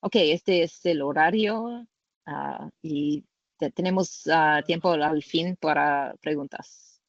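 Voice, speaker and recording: A woman presents informally in halting, unhurried and searching for each word. She is an English speaker. The sound is dry and a little dull, like an online call. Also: sits low, gravelly, no echo. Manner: halting non-native Spanish, searching for words. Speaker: co-presenter at a patient-family webinar. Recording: roomless, band-limited online call audio.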